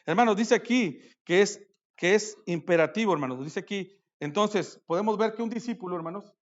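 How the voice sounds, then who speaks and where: Fervent high-voiced man preaching a sermon. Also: moderate pace, highs cut off. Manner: addresses listeners as brothers, swings between loud declarations and low asides. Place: church conference hall.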